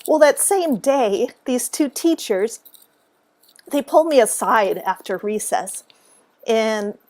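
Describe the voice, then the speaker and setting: Animated woman telling a childhood story. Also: on the high side, takes it slowly. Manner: animated, acts out quotes, laughs often. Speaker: author and speaker. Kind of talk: casual storytelling to camera. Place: at home.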